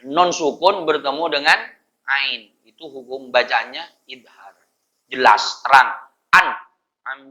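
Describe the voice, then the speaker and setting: A man's voice: mid-range voice, steady tone, a little slow, sharp tone, low-quality recording. A middle-aged man, teaching a religious study class in a chatty, joking way and chanting verses to show correct recitation.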